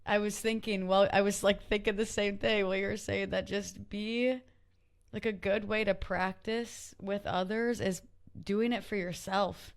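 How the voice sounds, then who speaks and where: A woman's voice: medium pitch, steady tone, unhurried. A woman hosting a podcast, talking candidly and searching for words, with some casual swearing. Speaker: podcast host.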